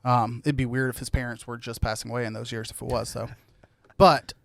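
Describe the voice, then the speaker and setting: A man's voice: mid-range voice, flat delivery, brisk, vocal fry, no room sound. An American man co-hosting a sports podcast in casual conversation.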